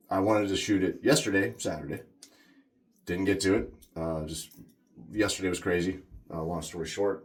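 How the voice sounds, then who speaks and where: A man in a casual, rambling monologue to camera, hosting his wet shaving channel with loose, chatty asides. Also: low voice.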